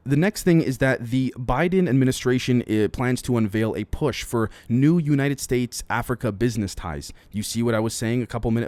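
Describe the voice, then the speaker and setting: On his solo news commentary podcast, a man with a mid-pitched, slightly mellow voice goes through the day's headlines in a loose, conversational way, adding his own opinions and speculation. He often addresses his listeners directly, and the recording is close and dry, with little room sound and no echo.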